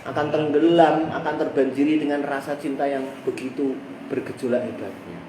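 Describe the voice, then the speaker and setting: A man with a Javanese accent teaching a religious text study, reciting Arabic phrases and then explaining them in lively local speech. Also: mid-range voice, normal speed. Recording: echoey room, heard from a distance with background noise.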